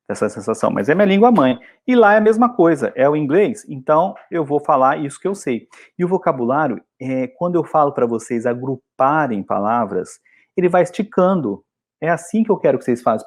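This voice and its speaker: A man's voice: medium pitch, a little mellow. A Brazilian man, an English teacher, giving a chatty and encouraging video lesson.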